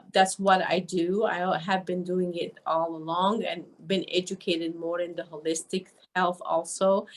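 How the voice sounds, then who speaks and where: Older woman, chatty guest. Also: on the low side. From Egypt. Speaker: guest, nurse and wellness coach. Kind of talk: casual interview talk.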